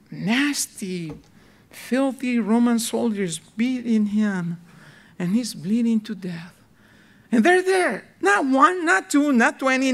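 A male pastor preaching a sermon, telling the story dramatically and swinging between loud bursts and hushed, slow passages. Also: very high voice, gravelly. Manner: repeats words when excited.

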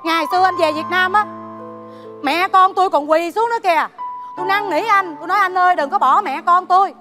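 A woman's voice: very high voice, fast talker. A woman playing a resentful wife scolding her husband in a stage comedy sketch, reproachful and indignant. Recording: live stage mic with music behind.

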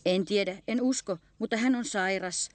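A woman voicing a kindly old male bear who explains things loudly and earnestly. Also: mid-range voice, no echo, close to an everyday voice.

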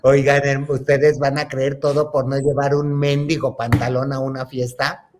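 A man's voice: mid-range voice, little pitch movement, normal speed, darkish tone. A man telling a gossip story in a campy, theatrical way, calling his listeners "hermanitas". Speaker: host.

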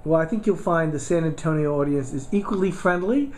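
A man's voice: fairly high pitch, fairly quick, a little hiss or hum. A man behind the camera interviewing a guest, asking chatty, upbeat questions. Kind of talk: friendly promotional interview. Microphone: camera mic, off-screen.

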